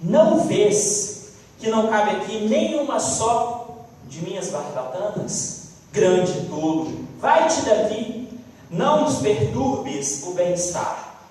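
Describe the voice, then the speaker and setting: A man's voice: sits high, sing-song, slow, darkish tone, voice pushed up, exaggerated voice. Scornful fish king played by a man, haughty, scolding, far from the mic, long reverb. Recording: echoey hall from far off.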